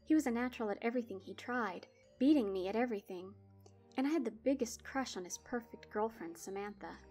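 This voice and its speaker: A woman's voice: a little high, fairly quick, darkish tone, faint music behind. A woman telling a spooky story in the first person, wry and dramatic. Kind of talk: scripted horror story narration.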